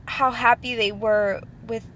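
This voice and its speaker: A young Ecuadorian woman of around twenty vlogs casually and from the heart into her laptop webcam mic, rambling with lots of ums and likes while sitting at her computer at home. Her voice is fairly high, steady, a little slow and fairly bright, with a bit of hiss or hum.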